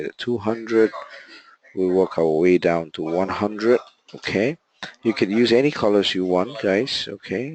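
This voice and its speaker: A man with a low voice and a sore throat presents a live trading webinar, walking through market charts step by step and filling gaps with frequent "okay" and "uh." His voice is neither clear nor loud, and the audio quality is poor.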